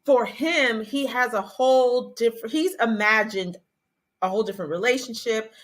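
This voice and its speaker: A woman's voice: fairly high pitch, moderate pace, a bit bright. A woman hosting a podcast, chatting casually and animatedly, acting out quotes in a raised voice. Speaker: podcast host. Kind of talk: casual chat about a reality show.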